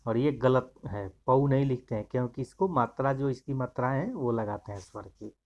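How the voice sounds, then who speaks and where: A man's voice: medium pitch, fairly quick, a little mellow. Man teaching in a slightly dull recording. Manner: explains step by step, pointing at examples. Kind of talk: Hindi grammar lesson.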